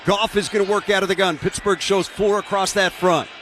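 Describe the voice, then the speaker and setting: A man's voice: sits high, fairly even intonation, fairly quick, a bit bright. An American man calling live football play-by-play on the radio in clipped, punchy announcer phrases. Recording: noisy live stadium broadcast.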